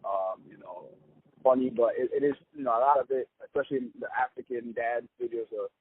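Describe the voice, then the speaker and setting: A man's voice: mid-range voice, fairly quick, breathy edge. Upbeat young man on a phone line. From Ghana. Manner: easygoing, upbeat, chatty with fillers. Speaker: comedian guest. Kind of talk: casual interview. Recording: tinny phone-line sound.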